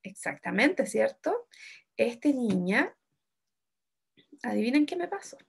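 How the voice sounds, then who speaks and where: A woman's voice: fairly high pitch, very animated, slow, vocal fry, husky. A woman teacher giving an online class to young children, acting out example sentences with emotion. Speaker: primary school teacher.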